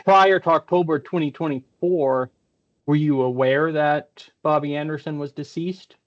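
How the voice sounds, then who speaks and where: A man questioning a witness as technical examiner at a hearing, heard over a video call, careful and hesitant, with many pauses. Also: fairly high pitch, steady tone, muffled recording.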